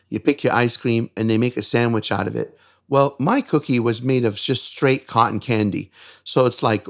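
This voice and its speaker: Enthusiastic man from Syria telling stories. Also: medium pitch. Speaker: fair food vendor. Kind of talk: casual storytelling.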